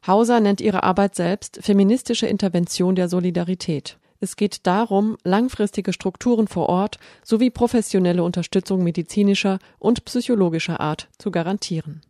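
A woman's voice: medium pitch, normal speed, hardly any pauses, dark tone, no room sound, clean studio sound. A woman reading a scripted radio documentary narration in a sober, serious manner. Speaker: feature narrator.

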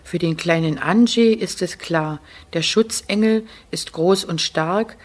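A woman narrating an audiobook in a measured, expressive way. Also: lowish voice. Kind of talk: audiobook reading.

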